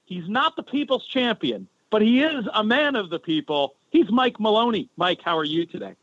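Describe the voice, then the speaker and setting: A man's voice: high voice, expressive, normal speed, a bit bright, no echo. Tinny-sounding man on a cell phone. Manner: chatty, rambling. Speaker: podcast host. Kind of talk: casual podcast talk. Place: home in a city neighborhood. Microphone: cell phone held to the head.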